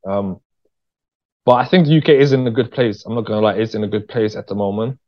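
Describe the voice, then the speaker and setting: A fast-talking man with a voice on the low side, heard in dull audio, is an interview guest who works as a screenwriter and director. His chat is casual, candid, and slangy, and he often repeats phrases for emphasis.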